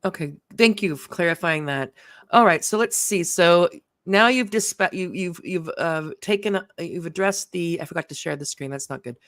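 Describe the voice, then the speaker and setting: A man hosting an interview, speaking in a halting, hesitant way as he asks questions and reads aloud. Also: high-pitched, fairly bright tone, dry recording, studio quality. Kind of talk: casual interview, partly reading an article aloud.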